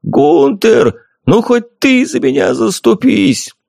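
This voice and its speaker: A man voicing a boozy, bearded middle-aged warrior who pleads and complains in shrill outbursts. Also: big pitch swings, unhurried, no echo, studio quality. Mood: whining.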